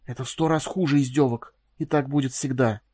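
A man reading an audiobook, voicing an ashamed young soldier who speaks hoarsely and haltingly, then in a fierce whisper. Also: mid-range voice, fairly even intonation, a little mellow, close to an everyday voice. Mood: bitter.

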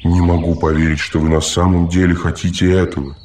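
Man voicing a fussy, deep-voiced caretaker machine. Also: flat delivery, fairly quick, darkish tone, a little hiss or hum, natural voice. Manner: solicitous, lecturing, talks too much. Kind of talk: audiobook reading.

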